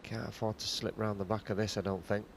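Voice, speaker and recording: Low-voiced man, hushed snooker commentary. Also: flat delivery, fast talker, vocal fry, slight background noise. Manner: understated, conversational, analytical.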